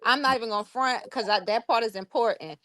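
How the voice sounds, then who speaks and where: A woman's voice: on the high side, fast talker, pushed and bright. A woman in her forties, a guest in a casual livestream chat, talking frankly and outspokenly. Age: 40s. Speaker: guest panelist.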